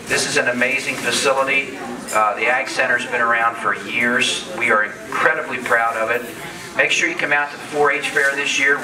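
Middle-aged man, county official, plain mid pitch, jokey off-script manner, handheld mic in an echoey hall with a crowd behind. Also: distant mic. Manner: joking, off-script asides. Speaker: county commissioner presenting awards. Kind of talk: casual public ceremony speech. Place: large open-sided farm hall. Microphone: handheld microphone.

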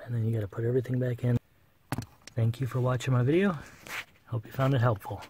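Against a noisy background, a man with a mid-range voice and fairly even intonation demonstrates a car repair under the dashboard. As a how-to presenter, he keeps the steps casual and plain, talking unhurriedly while using his tools.

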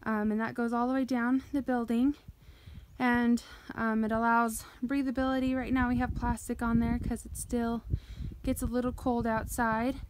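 A woman with a slightly high voice talks casually as she walks through her farm's new barn. She explains things plainly, with an occasional "um," recorded outdoors on a phone. Faint outdoor noise sits under her voice. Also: flat delivery, normal speed, poor audio. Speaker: farm owner giving a tour. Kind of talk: casual walkthrough narration. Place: outdoors at a farm building site.

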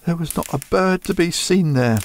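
A man's voice: a little high, normal speed, natural voice. A man playing a frightened young thief who confesses in a desperate, pleading way in a radio drama. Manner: desperate, pleading, breaking into sobs.

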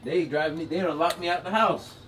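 A man's voice: fairly high pitch, fairly even intonation, a little fast, a bit bright, close to an everyday voice. Grumpy old grandpa played by a man, noisy recording. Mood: pleading, fed up. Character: grumpy seventy-year-old grandpa, exasperated and fed up. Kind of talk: family comedy skit, loosely improvised. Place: around a house, indoors and outdoors. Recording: noisy, roomy, distant camera-mic sound.

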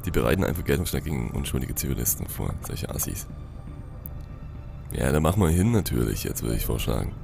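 A man's voice: extremely low pitch, big pitch swings, brisk, creaky, a little mellow. A young man giving casual, slangy gameplay commentary, thinking aloud into a headset. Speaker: gaming let's-player. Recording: game music behind.

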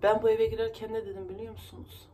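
A woman's voice: fairly high pitch, flat delivery, fast, warm tone, slight background noise. Agitated woman venting to her viewers. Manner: agitated, rambling, emotional venting. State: stuffy nose from crying. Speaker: vlogger. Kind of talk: casual vlog talk to viewers.

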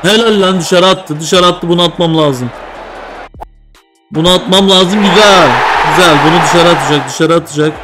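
A man's voice: high-pitched, moderate pace, loud music behind the voice. A young man commentating a mobile football game, groaning at setbacks and cheering at goals as he talks to himself. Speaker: gaming video creator. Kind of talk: excited gameplay commentary.

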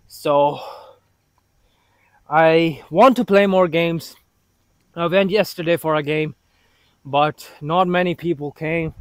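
A man chats informally to the camera from an outdoor pitch about how his football training is going, pausing and pepping himself up as he works through his thoughts. His tone is steady, and there's no room sound.

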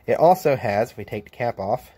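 A man's voice: mid-range voice, expressive, a little fast, mellow, breathy edge, dry recording. An American man, a welder, giving a casual hands-on demo of his tools, blunt and joking, filmed one-handed at an outdoor work table. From United States. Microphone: handheld camera mic, filming one-handed.

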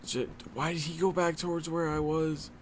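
A man's voice: a little high, level tone, normal speed, crowd noise. A man playing a horror game with a friend in casual chat, swearing and exclaiming like a scared streamer. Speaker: video game player.

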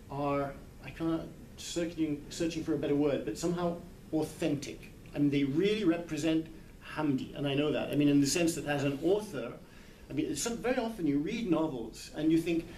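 Seated in a circle with a small group in a large indoor hall, this sixty-something literary translator talks at a book club, thoughtful and hesitant as he gropes for words. His voice sits a little high and sounds a little mellow. The recording comes from a camera several metres off, leaving it echoey and distant with background noise.

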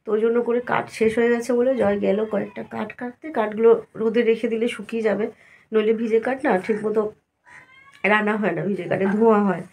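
A woman's voice: on the high side, fairly even intonation, fast, gravelly. A woman, sick with fever and a sore throat, talking tiredly in a casual village vlog. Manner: tired, soft, complaining. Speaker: vlogger.

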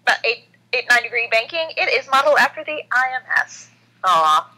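A woman's voice: a little high, very animated, fairly quick, bright, forceful tone, rough recording. A woman co-hosting a racing podcast in playful casual chat. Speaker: podcast co-host.

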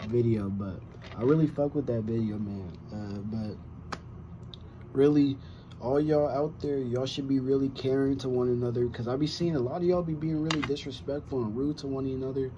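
His voice is mid-range with fairly even intonation and a moderate pace as this 20-something reaction video host rambles to camera, slangy and swearing often. He is indoors in a small room with wooden cabinets, and the dull lo-fi recording has background noise and music behind it.

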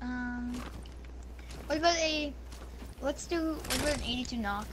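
High-pitched, insistent gamer, female voice. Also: a little slow. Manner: slangy, insistent, bossy haggling. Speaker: video game player trading items. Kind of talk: casual gaming chat. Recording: noisy game voice chat.

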